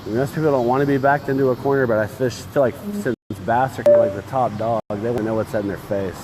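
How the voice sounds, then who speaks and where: A man's voice: medium pitch, fairly even intonation, quick pace. A man chatting casually and informally as he hosts a fishing livestream from under a bridge, rambling and offering modest opinions. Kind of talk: casual chat while fishing. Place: outdoors under a concrete bridge by a creek. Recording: noisy outdoor phone recording under bridge.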